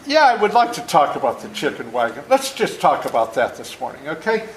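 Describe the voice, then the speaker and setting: A man in his seventies, an author, tells stories and reads aloud to schoolchildren in an echoey room with faint noise. His voice is a little high, very animated and fairly quick.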